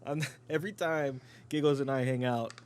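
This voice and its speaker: A man's voice: medium pitch, steady tone, moderate pace, very noisy. A man hosting a casual podcast chat, joking and laughing often, rambling with restarts. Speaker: podcast host.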